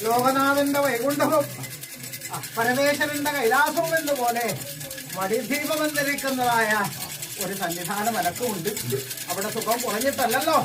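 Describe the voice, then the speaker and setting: A woman with a north Kerala accent speaking as a possessed ritual oracle, proclaiming solemnly in a chanted declamation. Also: high voice. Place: at a live temple ritual, distant mic. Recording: distant, noisy field recording of a ritual.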